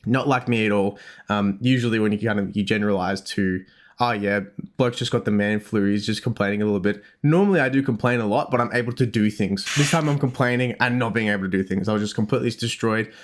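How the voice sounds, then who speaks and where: On his health podcast, the young Australian dietitian host talks quickly in a fairly low voice. The chat is casual and rambling, full of restarts and jokes at his own expense.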